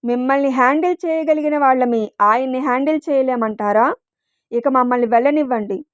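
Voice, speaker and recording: A proud, wealthy middle-aged mother who speaks with cold arrogance, as a woman reader puts her on. The voice sits high and sounds close and dry, with no room around it. It is a storybook figure read aloud. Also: fairly quick, smooth, no room sound, lightly acted. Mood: haughty. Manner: haughty, arrogant.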